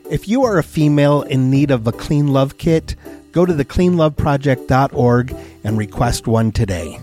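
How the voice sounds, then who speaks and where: A man reading a scripted announcement in an earnest, steady way. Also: medium pitch.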